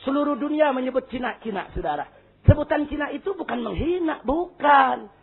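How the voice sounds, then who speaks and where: A man preaching a fiery sermon, shouting rhetorical questions at the congregation. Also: very high-pitched, lively intonation, brisk. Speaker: Islamic preacher. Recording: tinny lo-fi recording.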